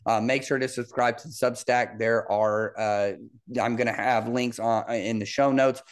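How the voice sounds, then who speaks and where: A man's voice: medium pitch, steady tone, moderate pace, smooth. A man in his thirties hosting a solo sports podcast, talking conversationally with many fillers and restarts. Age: 30s. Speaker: podcast host and football coach.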